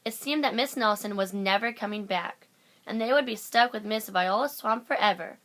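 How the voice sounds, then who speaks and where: A woman's voice: mid-range voice, normal speed, fairly bright tone. A woman narrating a children's picture book aloud as a storyteller. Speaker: storybook reader.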